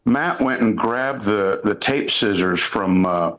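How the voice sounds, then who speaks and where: A man's voice: lowish voice, slow, a bit bright, poor audio. A middle-aged man co-hosts a casual sports talk show. He is a former coach who tells rambling stories about old games. He often restarts his sentences and leans on "listen" and "I mean.".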